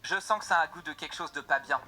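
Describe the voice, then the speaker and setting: A man's voice: on the high side, fast, heavy background noise, natural voice. A man reading aloud the first-person lines of a young woman character in a game, describing what she feels after each potion. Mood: unsettled.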